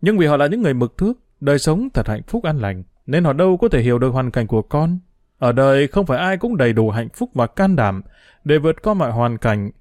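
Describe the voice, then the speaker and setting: A man doing a gentle fatherly old innkeeper. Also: medium pitch, big pitch swings, brisk, no room sound, clean studio sound, close to an everyday voice. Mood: consoling. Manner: soft, gentle speech.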